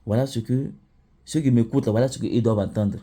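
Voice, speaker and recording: A man teaching Quran recitation, chanting example words slowly and often checking in with the listener. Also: medium pitch, fairly even intonation, dark tone. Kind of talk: teaching lesson.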